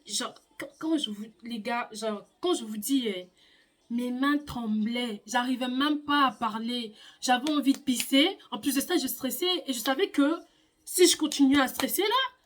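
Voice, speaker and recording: A young woman with a fairly high voice tells a personal story, casual and dramatic. She swings between hushed and loud, and stammers now and then. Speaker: vlogger.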